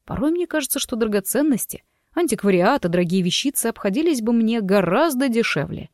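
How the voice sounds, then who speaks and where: A woman reading a teasing calm young husband. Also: on the high side, a little fast, no room sound, clean studio sound. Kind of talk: audiobook character dialogue.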